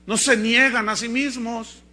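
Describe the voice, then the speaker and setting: High, bright Mexican preacher man. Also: a little slow. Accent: Mexican Spanish. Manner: lively storytelling preacher, acting out dialogue. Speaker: pastor. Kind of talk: sermon.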